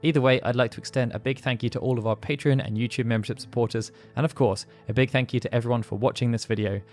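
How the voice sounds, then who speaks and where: Fast-talking male narrator, voice under the weather. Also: medium pitch, steady tone. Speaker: video channel host. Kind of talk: scripted video narration. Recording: music bed under the voice. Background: background music with guitar.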